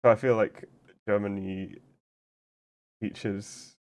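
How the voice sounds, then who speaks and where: Speaking slowly in a steady, lowish voice, this man streams a game over a faint hiss or hum. His casual chat rambles through long explanations, packed with "like" and frequent restarts.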